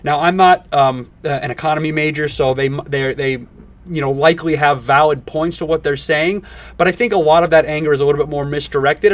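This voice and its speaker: A man hosting a casual podcast with enthusiastic crypto-bro talk, halting and repeating himself with plenty of filler words. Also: fairly high pitch, far from the mic. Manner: halting, repetitive, filler-heavy delivery. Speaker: podcast host.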